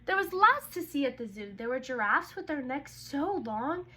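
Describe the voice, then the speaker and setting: A young woman hosts a storybook read-aloud for young children, opening with casual intro talk and calling the kids "you guys." Her voice sits high and sounds sing-song, pushed and bright. She speaks at a normal speed in an informal, chatty way.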